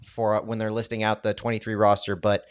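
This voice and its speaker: A man's voice: lowish voice, completely flat delivery, fast talker, smooth, dry recording, clean studio sound. A man co-hosting a casual soccer live stream, talking in a rambling, hesitant way with many fillers. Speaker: podcast co-host.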